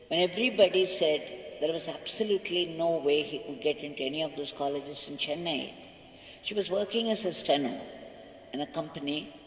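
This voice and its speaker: A man's voice: fairly high pitch, fairly bright tone. A man tells a devotional story in a slightly raised voice, leaning hard on key words with growing conviction. His voice rings through a large, reverberant hall. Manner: earnest, emphatic retelling with rising intensity. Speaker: spiritual speaker. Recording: echoey hall with long reverb.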